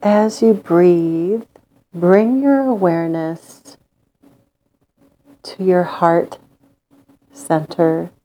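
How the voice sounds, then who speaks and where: A woman leading a guided meditation in a calm, gentle, soothing manner with long pauses. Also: on the low side, muffled recording.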